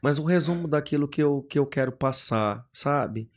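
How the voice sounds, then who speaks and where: Animated pastor telling stories. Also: male voice, on the high side, moderate pace. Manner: animated storyteller who acts out quoted voices. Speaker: guest pastor. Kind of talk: casual podcast conversation.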